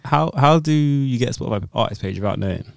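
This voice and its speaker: A man's voice: medium pitch, expressive, fast talker, vocal fry, dry recording, clean studio sound. A British man co-hosting a podcast, talking informally and with plenty of slang in casual chat. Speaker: podcast co-host.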